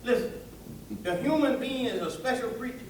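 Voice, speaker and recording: A preacher with a very high-pitched voice gives an animated, folksy public sermon at normal speed, throwing out rhetorical questions and colloquial asides and trading call-and-response with a live audience. It was recorded in an echoey hall from a distant microphone, with slight background noise.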